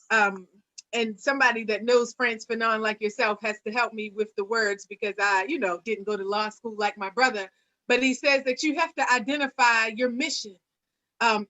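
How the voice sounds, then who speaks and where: A woman's voice: a little high, bright, forceful tone, dull audio. A woman hosting an online panel, speaking earnestly with a preacher-like cadence and frequent fillers. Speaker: host; singer.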